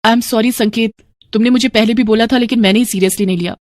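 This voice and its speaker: A woman voicing a busy, practical young wife who speaks in a brisk, chiding way in a storybook tale. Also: fairly high pitch, steady tone, darkish tone, dry recording, lightly acted. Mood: apologetic. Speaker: narrator voicing a character. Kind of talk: storybook narration.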